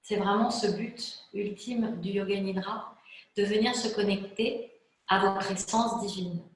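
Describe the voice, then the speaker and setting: A woman yoga teacher calmly explaining a guided relaxation method, pausing often with hesitant fillers. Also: medium pitch, a little hiss or hum. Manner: calm, slow, hesitant with frequent fillers. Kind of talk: spoken yoga class introduction. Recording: very echoey room.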